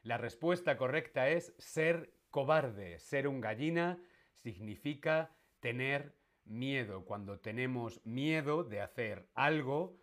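A man's voice: medium pitch, a bit bright. A man with a Spain Spanish accent teaching a live-streamed language lesson, playful and quizzing his viewers, repeating each question. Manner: makes animal noises in jest.

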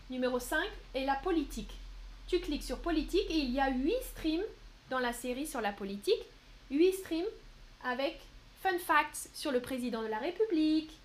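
A woman's voice: high voice, slight background noise. A woman teaching French on a live stream, answering chat questions patiently with examples and frequent hesitations. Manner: patient, explains slowly with examples and frequent "euh"; playful, laughs at her own mistakes. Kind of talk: live-stream language lesson.

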